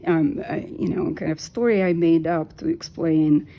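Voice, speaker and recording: A knitting vlogger in her fifties talks casually while she knits. Her voice is low, gravelly, and dark in tone, and Russian is her first language. She speaks unhurriedly and hesitantly, with many ums.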